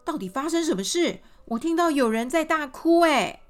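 A woman voicing a grand, commanding queen in a told fairy tale, speaking loudly and with exclamations. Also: a little high, a little slow, faint music behind, pitched above the performer's own voice. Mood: alarmed. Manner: loud, exclaiming, lively.

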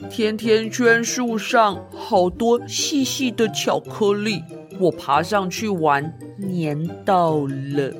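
A woman voicing a sticky little snail pleading for help, slow and drawn-out, as if reading a story to a toddler. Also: mid-range voice, over music, natural voice. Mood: pitiful, pleading.

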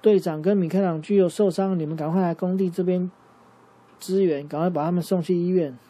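A man voicing an urgent young male ninja turtle in a bedtime story, calling out raised and hurried. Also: mid-range voice, warm tone, lightly acted.

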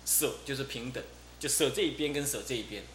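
A middle-aged man, giving a Buddhist dharma talk as abbot and telling stories in a lively way, often repeating his fillers. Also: medium pitch, fairly quick. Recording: roomy echo with faint hum.

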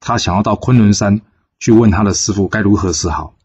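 A man casually narrating a classic folk tale in a relaxed, filler-heavy way. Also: on the low side, brisk, husky, dull audio. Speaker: storyteller.

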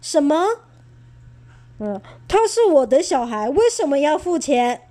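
A stubborn storybook father blusters and shouts his refusals, put on by a woman reading aloud. Her voice stays high and unhurried even as he gets loud. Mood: indignant. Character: flustered dad, stubborn and loud.

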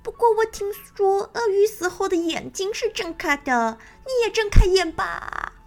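Woman doing a shrill cackling guinea fowl. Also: animated, unhurried, soft background music, heavily acted. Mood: teasing. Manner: squawking "ga ga ga" between words.

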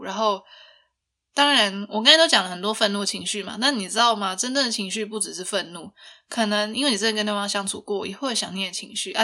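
Young woman, bright voice, mid pitch, chatty personal storytelling podcast. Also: creaky. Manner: chatty, laughs often, asks listeners rhetorical questions. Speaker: podcast host.

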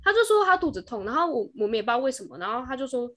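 A young woman with a Taiwanese Mandarin accent, co-hosting a podcast and telling a story in an animated way, briefly acting out the people in it. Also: high-pitched, racing. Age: young adult. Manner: animated storyteller who briefly acts out kids and parents. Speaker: podcast co-host. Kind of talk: casual chat.

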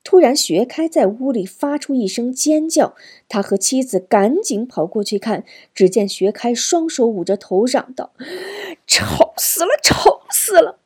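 Husky, expressive woman narrator. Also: fairly high pitch, normal speed, few pauses. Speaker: audiobook narrator. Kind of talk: novel reading.

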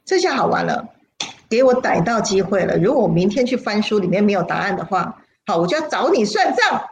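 A woman, a spiritual teacher telling a personal story on a livestream in an animated, dramatic way, her voice leaping up at exciting moments. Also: fairly quick, a little hiss or hum. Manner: animated, dramatic storyteller with sudden pitch leaps.

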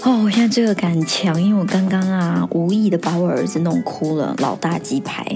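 A woman hosting a podcast, telling a personal story in a chatty, confiding way that slows when she turns reflective. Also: on the low side, over music. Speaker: podcast host.

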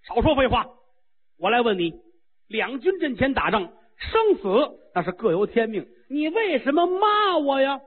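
Haughty old immortal woman, slow and scolding, voiced by a male storyteller; husky, tinny radio sound. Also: very high voice, sing-song, pitched above the performer's own voice, heavily acted. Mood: stern. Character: elderly female Taoist immortal, stern and haughty.

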